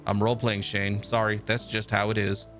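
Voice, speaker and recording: Guy doing a bookish teen boy in a game, earnest and a bit theatrical, lowish voice, faint music behind. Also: flat delivery, normal speed, a bit bright, natural voice. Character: bookish teenage boy, eager warrior player.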